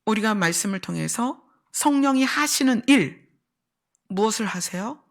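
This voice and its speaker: A woman pastor's voice runs on the high side with lively intonation at a normal speed. She gives a teaching sermon with illustrations, laying out ideas step by step, repeating key phrases and asking her listeners questions.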